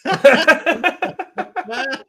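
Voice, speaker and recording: A man in casual chat on a stream, teasing his friends and swearing freely in quick banter. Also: very high-pitched, expressive, bright, forceful tone.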